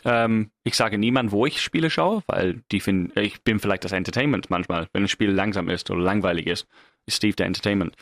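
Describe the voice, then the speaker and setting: A man's voice: fairly low pitch, fairly quick, a bit bright, dry recording, clean studio sound. A middle-aged man from England with an English accent, speaking German as a second language in a casual, self-mocking podcast monologue full of fillers and restarts. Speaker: podcast host.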